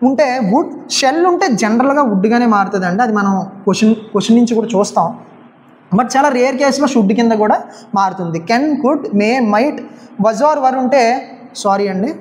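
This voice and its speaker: A woman's voice: on the high side, darkish tone. A woman with a Telugu accent coaching students for exams on English grammar, often asking rhetorical questions. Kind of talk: exam coaching lecture.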